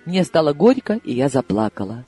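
A man reads a novel aloud in a high, animated voice that swoops up and down, telling the tale with wry irony. His tone is mellow and a bit husky, and soft music plays faintly behind him. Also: fairly quick, dry recording. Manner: lively, ironic storytelling. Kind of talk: audiobook narration.

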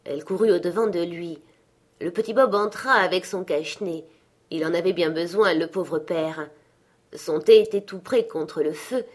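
A woman reading a classic novel aloud as an audiobook, in calm, measured storybook narration. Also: fairly low pitch. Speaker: audiobook reader.

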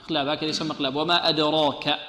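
A bright, ringing male voice with a slightly high pitch teaches recitation, posing questions and then answering them himself. He drills single syllables and recited words slowly. The room is echoey, with a long reverb tail. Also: little pitch movement. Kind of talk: tajweed lesson with recited examples.

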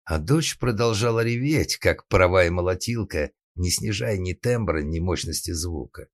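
Deep-voiced male audiobook narrator. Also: animated, moderate pace, dry recording, clean studio sound.

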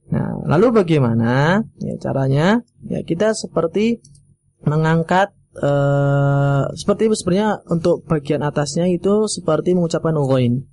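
A man's voice: a little high, lively intonation, measured pace, a little mellow. Patient man teaching recitation. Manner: patient, repeats phrases and demonstrates sounds aloud. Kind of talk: explaining pronunciation on a radio call-in.

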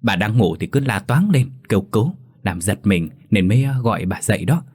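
Older husband in a spoken ghost story, low and steady, quietly reassuring, played by the male narrator; husky voice. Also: fairly quick. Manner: soothing, matter-of-fact. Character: older village husband, gruff but calming.

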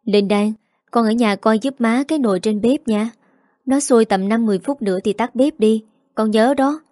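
A woman voicing a hot-tempered older mother-in-law, scolding shrilly and fast. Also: on the high side, dark tone, no room sound, studio quality, lightly acted. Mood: instructing.

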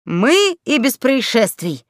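A woman voicing a grumpy male elf in a storybook reading, grumbling slowly. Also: on the high side, very animated, no echo, clean studio sound, voice pushed up.

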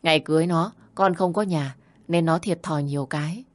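A woman voicing a grown son working abroad who talks to his mother gently and reassuringly. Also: sits low, fairly quick, no echo, natural voice. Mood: caring.

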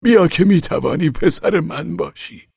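A man voicing an eager older nobleman who shouts and pleads in an audiobook. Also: a little high, vocal fry, slightly rough, no echo, clean studio sound, voice pushed up, full character voice. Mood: pleading, shouting. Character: eager older male nobleman calling a youth down.

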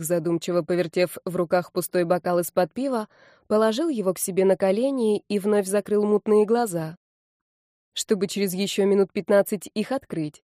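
A woman narrating a novel as an audiobook in a lively first-person storytelling manner. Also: medium pitch, no echo, clean studio sound.

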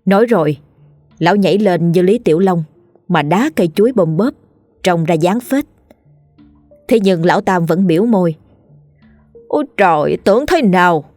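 A woman narrates a comic ghost story with lively storytelling flair. Her voice sits slightly low and sounds close and dry. Soft music plays underneath. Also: normal speed, pauses often, dry recording. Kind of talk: dramatic storytelling.

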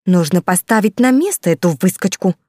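A woman's voice: animated, fairly quick, warm tone, no room sound, clean studio sound. A woman reading the part of a scheming, fawning noble baroness who talks in a raised, indignant voice. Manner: indignant, high and agitated.

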